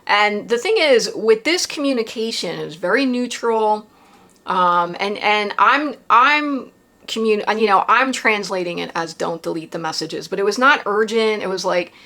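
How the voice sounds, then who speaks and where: A woman talks straight to the camera in a casual confessional monologue. She rambles through a personal story with "like" and "right?" at every turn. Her voice sits at a middling pitch with a lot of vocal fry. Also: animated, normal speed, sharp tone. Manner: rambling, with frequent fillers and tag questions. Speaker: vlogger recounting a personal experience.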